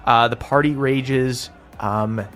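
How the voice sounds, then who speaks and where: A man acting as game master, improvising scenes in a halting, jokey way. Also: medium pitch, steady tone, fairly bright tone. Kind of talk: improvised tabletop game narration.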